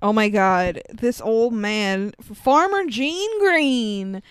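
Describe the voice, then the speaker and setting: A woman's voice: on the high side, extremely slow, clean tone, dry recording. A young woman co-hosting a casual movie review podcast, laughing often and talking with animation. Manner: laughs often, animated, bursts into silly put-on voices. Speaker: podcast co-host.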